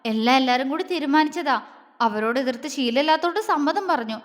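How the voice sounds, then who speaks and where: A woman's voice: sits high, animated, a little fast, in a large hall. Woman doing a sweet shy young girl. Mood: earnest. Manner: sweet, earnest, slightly pouting. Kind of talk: audio story character voice.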